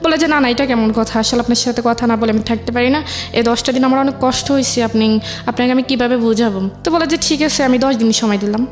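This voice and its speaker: Over background music, a female interview guest shares a personal story and relays the conversations she had. She speaks quickly in a slightly high voice.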